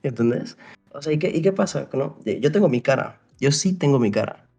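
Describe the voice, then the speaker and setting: A young Paraguayan interview guest talks in a mid-range voice that is animated and fairly quick, gravelly yet mellow, and slightly rough. In casual conversation he rambles through a long story, with frequent restarts and "o sea," acting out exchanges along the way.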